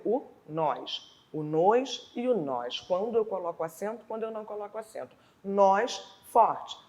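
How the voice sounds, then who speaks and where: Rio-accented woman teacher, online school lesson, slow and deliberate, slightly low-pitched. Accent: Rio de Janeiro Portuguese. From Brazil. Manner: slow, deliberate syllable-by-syllable explanation.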